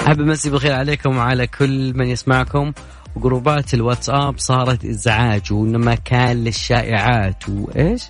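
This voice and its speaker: A young Saudi man hosts a late-night radio show in a studio, talking quickly and playfully as he chats and reads out messages. His voice sits at an ordinary middle pitch, and soft music plays faintly underneath. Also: steady tone. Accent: Saudi Gulf Arabic. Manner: chatty, joking, reads listener messages aloud. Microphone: studio microphone.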